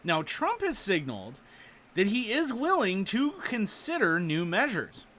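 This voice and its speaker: A man hosting a show, giving sarcastic, animated political commentary while reading the news aloud. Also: high-pitched, a little slow. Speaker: show host.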